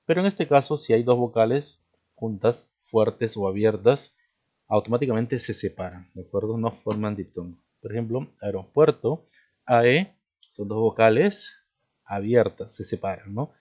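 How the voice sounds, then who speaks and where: A man with a lowish, mellow voice, a language teacher, gives a recorded grammar lesson in a dull lo-fi recording. He explains step by step, spelling words out slowly and stressing each example, and checks in with "¿de acuerdo?" and "¿no?" after nearly every point.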